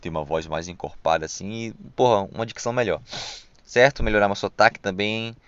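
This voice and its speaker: A man's voice: fairly low pitch, a little fast, clean tone, dry recording. A young man with a Brazilian accent hosting a casual solo podcast, rambling and reflective with lots of slang and fillers, and with s sounds that come out as sh. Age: young adult. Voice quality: hissing s sounds pronounced as sh. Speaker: podcast host. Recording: dull lo-fi dry recording.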